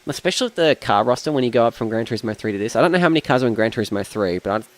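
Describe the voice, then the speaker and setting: A man's voice: mid-range voice, lively intonation, racing. A young Australian man casually commenting on a racing game while he plays, rambling and thinking aloud, often trailing off mid-sentence. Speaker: streamer.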